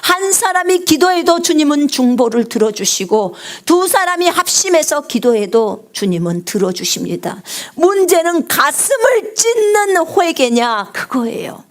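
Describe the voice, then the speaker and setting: A woman missionary preaching a live sermon on prayer, with a big resonant singer's voice, asking the congregation questions and swinging from loud cries to hushed whispers. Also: sits high, big pitch swings, measured pace, hardly any pauses. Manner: asks the congregation questions and answers them.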